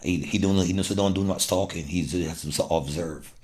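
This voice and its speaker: A middle-aged man with a Barbadian accent, a guest telling about his upbringing in an earnest, halting way with many restarts. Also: low voice, a little mellow. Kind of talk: casual interview.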